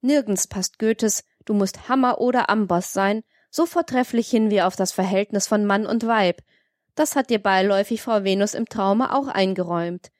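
A woman's voice: medium pitch, moderate pace, dry recording, studio quality, natural voice. A woman reading the part of a domineering, worldly man who lectures with ironic liveliness in an audiobook. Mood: lively lecturing. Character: domineering worldly man, mocking, tyrannical toward women.

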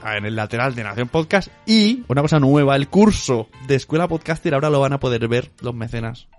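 A man co-hosting a podcast in casual banter, jokey and quick at reading out lists. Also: medium pitch, animated, faint music behind. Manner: jokey, rapid list-reading, bursts of laughter. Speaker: podcast co-host.

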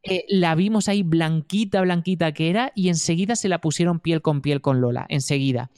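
A man with a Spain Spanish accent tells a story casually and in earnest, pausing often on fillers. His voice is smooth and resonant, and the close mic sounds dry, with no room in it. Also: on the high side, darkish tone, no echo. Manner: earnest, detailed, hesitant with fillers. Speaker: new father telling his birth story.

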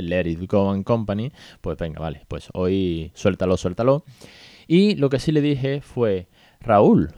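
A Spain Spanish man talking casually on his podcast, with a lowish voice. He tells things in a chatty, colloquial way, full of asides to his listeners. The sound is dry and close, with no room around it. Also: a little mellow, no room sound. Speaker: podcast host and father.

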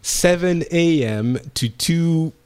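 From his home in Paris, a French-accented man from France hosts a casual podcast roundtable, chatty and often laughing. His slightly high voice is animated, darkish and clean, and he takes his time.

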